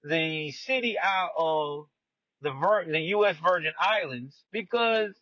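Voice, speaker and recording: A man hosting a podcast, retelling a true-crime story in a slangy, animated way and talking straight to his listeners. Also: a little high, slow pace, highs cut off. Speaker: podcast host.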